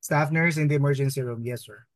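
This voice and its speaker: A man's voice: medium pitch, fast talker, dry recording. A Filipino-accented man in his thirties telling a personal story conversationally as an interview guest, slipping Tagalog words into his English. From Philippines. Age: 30s. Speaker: interview guest, emergency room nurse.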